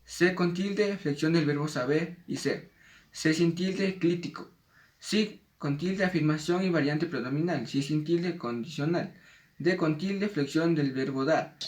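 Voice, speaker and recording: A man with a somewhat high voice reads a spelling lesson in a measured way. He slows down for the example words. He sounds a little off the mic, in an echoey room. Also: darkish tone, recorded from a distance. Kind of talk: reading a spelling lesson aloud.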